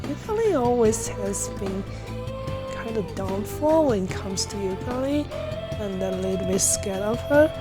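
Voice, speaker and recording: A woman with a mid-range, sing-song voice chats at a normal pace on a game livestream while playing a visual novel, giggling and rambling before trailing off. Game music plays behind her.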